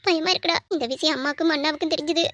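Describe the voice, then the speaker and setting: A woman's voice: high voice, fairly even intonation, very fast, a bit bright, slight background noise. A woman voicing a frightened young unmarried woman who speaks anxiously and hesitantly in a cartoon drama.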